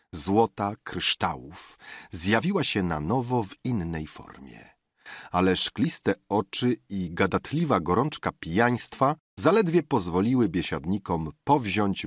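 A man narrating a classic novel in a measured, expressive reading. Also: sits low, husky, dry recording, clean studio sound. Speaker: audiobook narrator. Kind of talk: scripted narration.

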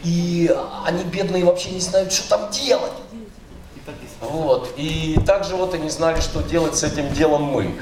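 A middle-aged dubbing director gives an informal seminar talk from the stage of a large hall, holding a handheld mic while being filmed from the audience. His voice is a little high at normal speed, and his loose, rambling speech is full of fillers and restarts. The recording is echoey, captured from far off with a noisy background.

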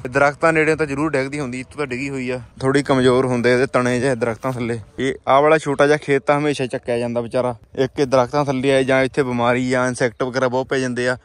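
A man with a Punjabi accent, a farmer vlogging outdoors in wheat fields, explaining matter-of-factly to the camera. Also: medium pitch. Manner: matter-of-fact, explains crop damage to viewers. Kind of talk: casual vlog walking through fields.

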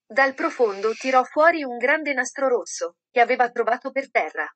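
A woman narrating a children's Christmas story in a gentle, measured reading voice. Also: high voice, expressive. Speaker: audiobook narrator.

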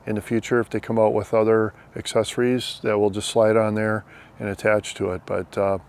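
Speaking fairly quickly in a lowish voice with little pitch movement, a man in his fifties with an American accent reviews and demonstrates a drone. His talk is plain, explanatory, and conversational, recorded outdoors on an open lawn amid background noise.

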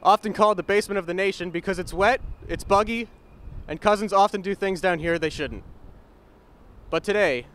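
A young man hosting a comedy show, interviewing people on a city street with a handheld mic and teasing them with deadpan jokes. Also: sits high, brisk, clean tone. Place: outdoors on a city plaza.

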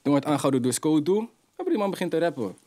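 A young adult man, a rapper guest telling street stories in animated, slang-heavy casual talk. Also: on the high side, quick pace, dry recording, studio quality. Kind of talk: casual interview storytelling.

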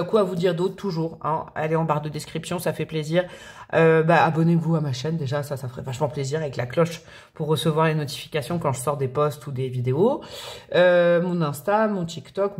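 A woman's voice: low-pitched, darkish tone. A woman in her forties, a tarot reader chatting casually to her viewers, full of fillers and rambling asides, often laughing. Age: 40s. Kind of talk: casual chat to camera.

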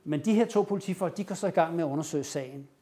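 A man with a fairly high voice gives a lecture, telling a story in lively fashion. He acts out the lines he quotes. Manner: animated retelling, acting out quoted lines. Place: lecture room.

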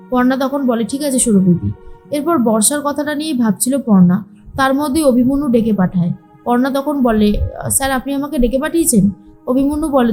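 Woman, higher voice, mellow tone, serial recap narration, faint music behind. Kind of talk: storytelling recap of a TV serial, quoting characters.

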